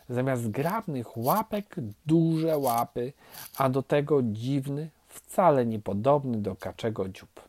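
A man telling a fairy tale in a gentle, expressive way. His voice is mellow and soft. The pitch rises and falls with lively movement. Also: dry recording. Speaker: storyteller.

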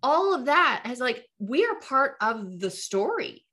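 A woman's voice: high-pitched, sing-song, unhurried. Woman host of a faith podcast, chatty and affirming, trips over her words. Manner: warm affirming listener, gets emotional, stumbles over words. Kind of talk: casual faith conversation.

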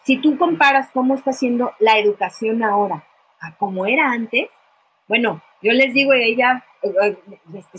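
A woman's voice: on the high side, a bit bright, slightly rough, poor audio. A middle-aged woman, speaking conversationally and answering viewers by name in a live talk on emotions.

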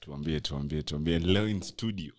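A man's voice: rumbling low, moderate pace. A young man with a Kenyan accent hosting a casual podcast, talking in slangy mixed Swahili and English. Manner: slangy, code-switching between Swahili and English. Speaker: podcast co-host.

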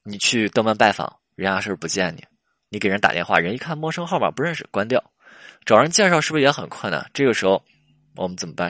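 Fast, chatty male advice host. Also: sits low, fairly bright tone, no room sound, studio quality. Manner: chatty, laughs at his own stories, rhetorical questions. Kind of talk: casual advice monologue.

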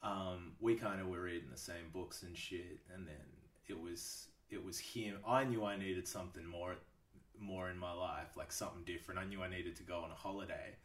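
A man's voice: sits low, fairly even intonation, moderate pace, echoey room, recorded from a distance. A man talking casually as a podcast guest. He swears freely and laughs often. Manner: laid-back, swears a lot, laughs often. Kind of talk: casual chat.

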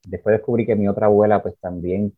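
A Puerto Rican man speaking in a lowish voice, thinking aloud with many small fillers and tags. The sound is dry, with no room in it, and a little muffled and dull. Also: fairly even intonation, fast, no room sound. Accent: Puerto Rican Spanish. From Puerto Rico. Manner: thoughtful, searching, many fillers like "pues" and "¿verdad?". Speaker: writer and poet, interview guest. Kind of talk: reflective interview talk.

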